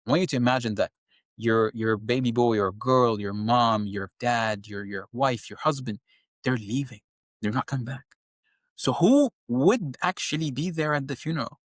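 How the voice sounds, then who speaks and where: A man's voice: medium pitch, moderate pace, no room sound, clean studio sound. A young man talking as a podcast guest, earnest and impassioned, often repeating words as he searches for the next one. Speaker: guest, engineer and science teacher. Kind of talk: conversational podcast talk on faith.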